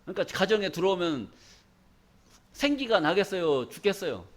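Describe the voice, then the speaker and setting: A man's voice: sits high, big pitch swings, moderate pace. A male pastor preaching a sermon in a church, emphatic and folksy, often asking the congregation questions for them to answer back. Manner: call-and-response questions to the congregation.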